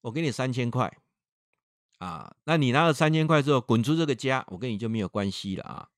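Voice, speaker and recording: A man doing a stern shouting father. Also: mid-range voice, animated, fairly quick, dry recording, studio quality, lightly acted. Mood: bitter. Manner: shouting demands. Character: angry stern father of a teen boy.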